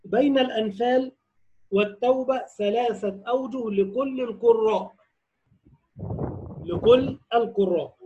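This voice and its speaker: A man teaching the rules of Quran recitation, patiently explaining and often breaking into slow, melodic chanted examples. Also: very high voice, mellow, lo-fi sound.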